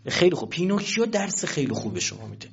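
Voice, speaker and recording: A man's voice: a little high, sing-song, creaky, breathy edge, muffled recording. A man giving a colloquial political talk to an audience, emphatic and full of rhetorical questions. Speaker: speaker addressing an audience.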